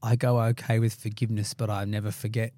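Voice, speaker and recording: A man with a croaky, froggy voice talks casually as a podcast co-host. He feels his way through his thoughts, hesitant and self-questioning. The sound is dry and close, with no room around it. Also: fairly low pitch, level tone, quick pace, warm tone, no room sound. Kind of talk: casual conversational podcast chat.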